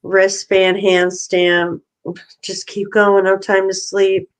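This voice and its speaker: A middle-aged woman co-hosting a casual chat, telling animated stories and acting out both sides of a phone call. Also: mid-range voice, slow, smooth. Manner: animated storyteller, acts out phone calls. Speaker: podcast co-host.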